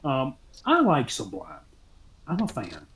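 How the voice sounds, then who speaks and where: On a podcast, a man chats casually at a slow pace, joking loosely and rambling, filling his thoughts with lots of ums and uhs. His voice sits at a middling pitch, and the whole delivery feels relaxed and unscripted.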